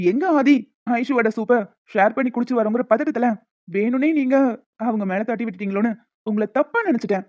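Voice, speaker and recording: A woman's voice: on the high side, close to an everyday voice. A woman voicing a polite, earnest young man in a cartoon, who turns sharply accusing. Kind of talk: cartoon voice acting. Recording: dull, dry lo-fi recording.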